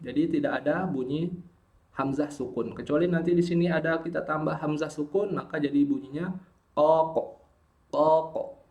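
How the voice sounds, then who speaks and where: A man's voice: fairly high pitch, fairly quick, a little mellow. A man teaching Quran pronunciation, patiently modelling syllables again and again. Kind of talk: pronunciation lesson.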